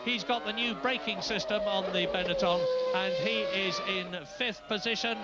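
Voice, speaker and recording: A man calling a motor race live on television, briskly giving positions and lap counts, heard from a worn VHS tape copy. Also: high-pitched, steady tone. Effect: worn VHS tape copy of a TV broadcast. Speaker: lead race commentator. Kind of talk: live motor racing commentary. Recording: muffled, hissy worn videotape.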